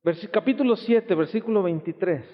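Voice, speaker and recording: A man's voice: high voice, a little fast. A Mexican man preaching as a pastor, emphatic and exclamatory, telling stories with quoted voices, on an old church recording. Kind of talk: sermon. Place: church hall. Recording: tinny lo-fi 1990s church recording, long hall reverb.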